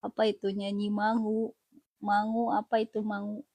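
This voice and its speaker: A woman's voice: mid-range voice, completely flat delivery, normal speed, mellow, husky, dry recording. A young woman with an Indonesian accent, teaching Japanese syllables on a casual live stream, playful and laughing between lines. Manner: playful, laughs often, chats with viewers.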